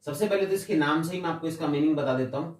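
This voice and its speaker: Male maths tutor, slightly high voice, patient and repetitive, quizzes himself aloud, distant mic in a roomy space. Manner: patient, repeats definitions and asks himself questions; slows down to read English definitions word by word. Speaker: maths teacher. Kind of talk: classroom explanation. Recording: echoey room, mic at a distance.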